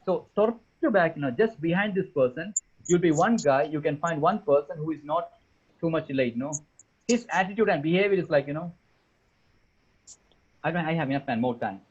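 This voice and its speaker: A man speaks at a breakneck clip, a motivational career talk for students. His voice sits a little high and sounds husky. It comes through a tinny, phone-like call line. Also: racing. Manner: animated, mixes in local-language phrases. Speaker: guest career trainer.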